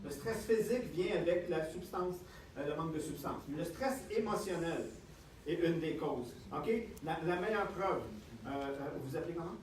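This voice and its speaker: A man with a Quebec French accent gives a lively talk to a live audience. He keeps checking in with the listeners. His voice sits high, and it is picked up from a distance in an echoey room with faint ambience. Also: normal speed, a little hiss or hum. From Canada. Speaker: health speaker.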